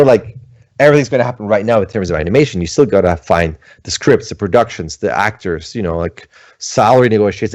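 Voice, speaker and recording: Livestreaming from home, this middle-aged man from Switzerland, an animator, answers viewer questions in a loose, rambling way full of filler words. He speaks on the low side with a darkish tone, captured in a dry recording.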